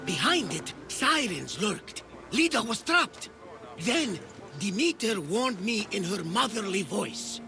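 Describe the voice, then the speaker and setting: An actor playing a delirious, devoted old Greek sailor in a video game, telling of visions with dreamy drama. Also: male voice, high voice, sing-song, slow pace, gravelly, over music, exaggerated voice. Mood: mystical, dramatic. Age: older.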